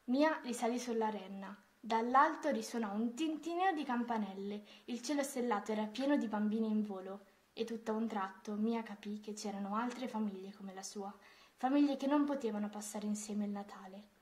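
A woman reading a children's Christmas story aloud, in a gentle, expressive way. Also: mid-range voice, normal speed.

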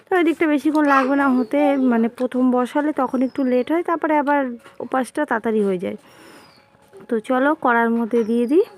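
A woman narrates a home cooking vlog in a soft, hoarse voice, tired and unwell. Her voice sits a little high. Faint background noise runs under her talk. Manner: soft, tired, talking slowly. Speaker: cooking vlogger. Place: home kitchen.

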